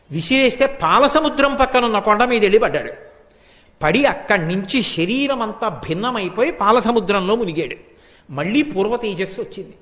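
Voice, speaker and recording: A man telling a devotional story in a sermon-style discourse, animated, acting out the quoted lines of the characters. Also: sits high. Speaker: religious discourse speaker. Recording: long hall reverb.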